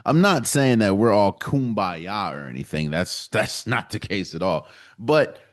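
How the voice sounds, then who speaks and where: Man, podcast host, lower voice, very expressive pitch, emphatic, solo sports commentary. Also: a little slow. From United States. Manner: emphatic, animated opinion-giving.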